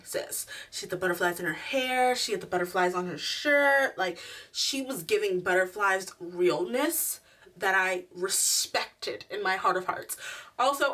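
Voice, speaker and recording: A woman giving a chatty, slangy video review in an animated, giggly, tipsy, rambling way. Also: mid-range voice, far from the mic. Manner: animated, slangy, acts out quotes. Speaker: reviewer hosting a show review.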